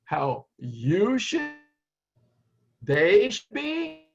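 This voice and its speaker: A man's voice: high voice, huge pitch swings, very slow, creaky, slightly rough, soft background music. Man on a choppy, cutting-out call line. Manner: speaks in broken, fragmented phrases. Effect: choppy, cutting-out internet call audio. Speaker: speaker on an online forum video call. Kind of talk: casual discussion on a video call. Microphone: computer mic on a video call. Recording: dull lo-fi video call audio.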